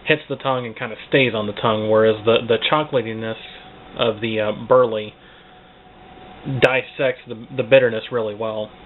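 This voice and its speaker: A man's voice: on the low side, steady tone, normal speed. Man on a tinny, noisy recording. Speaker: pipe tobacco reviewer. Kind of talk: casual spoken review. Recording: tinny, phone-like band, clearly noisy.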